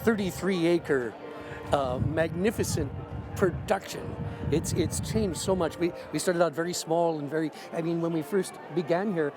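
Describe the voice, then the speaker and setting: A man's voice: a little high, moderate pace. A man who works as a festival storyteller, chatting casually and playfully swapping syllables in spoonerisms. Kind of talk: casual interview chat. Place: outdoor festival grounds. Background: music.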